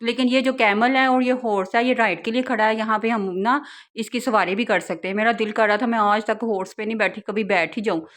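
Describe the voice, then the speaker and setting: A young woman narrating her family outing in a relaxed vlog, chatting and laughing often as she tells it. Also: fairly high pitch, a little fast. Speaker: vlogger, mother.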